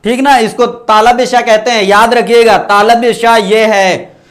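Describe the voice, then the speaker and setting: A man with a very high voice takes an online class through Sanskrit sounds, saying each letter aloud. He asks a question, pauses, and answers it himself, and stops to thank viewers for their comments. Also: steady tone, a bit bright. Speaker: Sanskrit teacher. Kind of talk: online exam-prep lesson.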